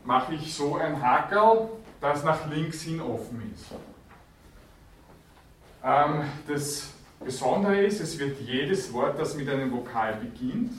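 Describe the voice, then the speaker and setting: A man's voice: fairly high pitch, slight background noise. A man giving a university lecture, explaining patiently with many fillers and self-corrections. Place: lecture hall. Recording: echoey lecture hall, distant mic.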